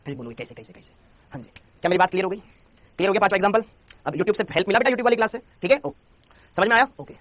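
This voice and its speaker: Rapid high-voiced male chemistry teacher. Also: a bit bright, no echo. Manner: rapid, repetitive, coaxing students to answer. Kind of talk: Hindi classroom lecture.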